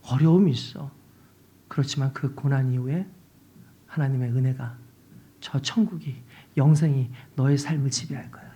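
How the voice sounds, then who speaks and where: A man voicing God in a gentle, hushed whispered role-play inside a sermon. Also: medium pitch, steady tone, moderate pace, pauses often, slightly rough, voice pushed down, natural voice. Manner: hushed, tender. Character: God speaking softly, gentle and reassuring.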